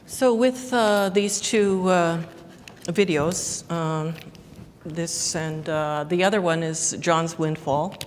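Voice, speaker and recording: A woman's voice: on the low side, slow pace, slight background noise. A woman giving a conference talk, hesitant and full of fillers. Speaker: conference presenter. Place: conference hall. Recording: reverberant conference hall.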